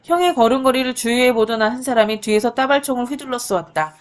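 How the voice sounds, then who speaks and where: A woman's voice: fairly high pitch, expressive, quick pace. A woman teaching literature, reading a story aloud and stopping to explain it in a chatty way. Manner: reads dialogue with light voicing, then explains in an easy chatty tone.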